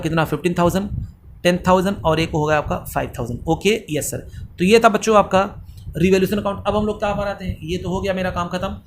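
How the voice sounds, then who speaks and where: A male accounts teacher giving a fast lecture, asking the students questions and answering them himself. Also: high voice, slight background noise.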